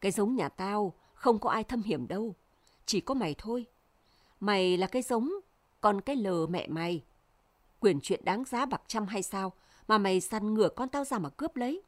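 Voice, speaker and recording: A woman's voice: medium pitch, expressive, normal speed, no room sound, close to an everyday voice. A woman reading the lines of a spiteful middle-aged aunt who scolds and curses a child, in a dry recording. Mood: scornful. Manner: harsh, cursing.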